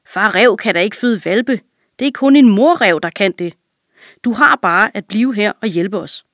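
A woman's voice: medium pitch, a bit bright, no echo, clean studio sound, lightly acted. A woman reading a children's fable, voicing a sly, scheming male lion in a raised, insistent voice.

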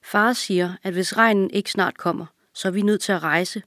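A woman's voice: mid-range voice, no room sound, studio quality, lightly acted. Musa, a teasing young boy, read by a woman. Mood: gloomy. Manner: teasing then gentle. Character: teasing kind young boy, big brother.

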